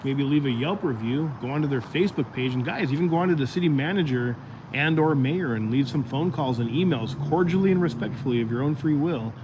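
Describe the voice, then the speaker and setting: A man's voice: fairly high pitch, a little fast, noisy background. A man hosting a casual livestream, rambling and chatting straight to his viewers, his voice going out. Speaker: livestream host.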